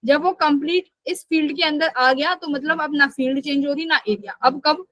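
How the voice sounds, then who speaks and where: A woman's voice: high-pitched, moderate pace, fairly bright tone, no room sound, low-quality recording. A woman teaching a live online physics class, asking questions and answering them herself, and scolding students who skip class.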